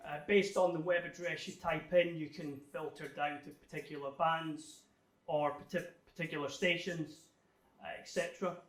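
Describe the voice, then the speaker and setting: Speaking at a normal speed in a steady, somewhat high voice, this man is a guest at an amateur radio club, presenting technical slides in a relaxed, slightly halting way. It's an indoor club talk before an audience, captured by a distant mic in an echoing room.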